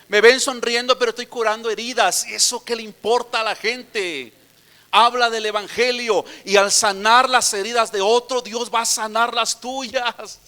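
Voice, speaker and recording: Middle-aged Mexican pastor with a high, ringing voice, preaching to youth; tired, swings from quiet anecdotes to loud exhortation. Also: male voice. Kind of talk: sermon.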